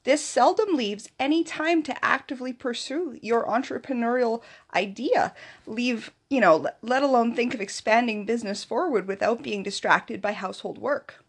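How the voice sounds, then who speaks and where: A woman's voice: on the high side, normal speed, slightly rough. A woman presenting scripted advice in a vlog, with an upbeat, tidy delivery. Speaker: vlogger giving business tips.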